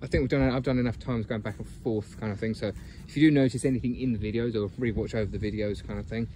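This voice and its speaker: A man's voice: on the low side, fairly even intonation, quick pace, warm tone, slight background noise. A man filming a casual outdoor walk-and-talk vlog on a phone, rambling with many ums and chuckles. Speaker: geocaching vlogger. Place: outdoors by a fence and bushes.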